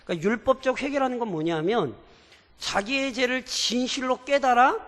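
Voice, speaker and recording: A man's voice: extremely high pitch, normal speed, a bit bright, big-room sound. A man preaching as pastor in a church, earnest, asking his listeners questions and stressing key words. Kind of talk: sermon. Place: church sanctuary.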